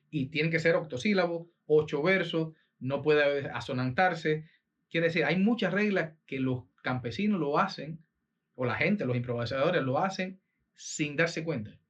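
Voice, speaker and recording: A man with a Cuban Spanish accent recalls his past in a relaxed interview, talking animatedly with plenty of laughs and fillers. His voice sits fairly high for a man and comes through a dull, lo-fi recording. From Cuba. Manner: animated storyteller, laughs often, many fillers. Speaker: guest, improvising poet and musician. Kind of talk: storytelling interview chat. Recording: dull lo-fi sound.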